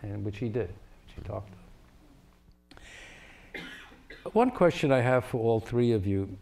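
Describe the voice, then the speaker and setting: An older man, a former ambassador, moderating a panel and telling an animated anecdote. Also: on the low side, a little slow, gravelly, slight background noise. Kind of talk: panel discussion storytelling.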